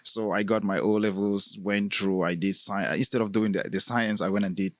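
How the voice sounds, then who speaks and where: A man's voice: fairly low pitch, normal speed, no room sound, clean studio sound. A middle-aged man from Cameroon with a Cameroonian accent, telling stories as a podcast guest and laughing often. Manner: laughs often, storytelling, relaxed. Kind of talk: casual interview chat.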